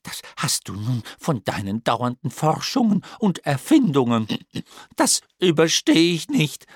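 A man voicing a fretful, motherly female pig who laments in a drawn-out, wailing way. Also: a little high, sing-song, breathy edge, dry recording, clean studio sound, exaggerated voice. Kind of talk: storybook reading.

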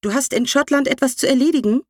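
A woman's voice: high voice, fast talker, darkish tone, dry recording, clean studio sound, pitched above the performer's own voice, lightly acted. A woman voicing a flustered young mother who talks hesitantly and tries to placate her aunt. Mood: baffled.

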